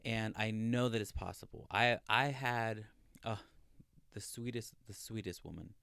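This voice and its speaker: A man's voice: fairly low pitch, measured pace, vocal fry, a bit bright, smooth, no room sound. Pria tiga puluhan bersuara rendah dan jernih, rekaman kering. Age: 30s. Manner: chatty, earnest storyteller with many fillers. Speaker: podcast co-host. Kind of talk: casual chat.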